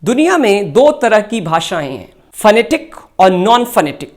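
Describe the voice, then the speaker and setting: A woman with an Indian accent narrating a scripted lesson, explaining slowly and deliberately. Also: mid-range voice. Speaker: English teacher.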